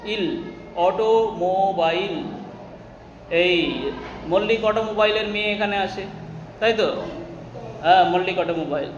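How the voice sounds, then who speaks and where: High-pitched Bengali teacher in an echoey classroom. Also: male voice, dull audio. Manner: explains slowly, asks students questions and answers them himself. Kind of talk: classroom English grammar lesson. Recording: echoey classroom with long reverb and faint noise.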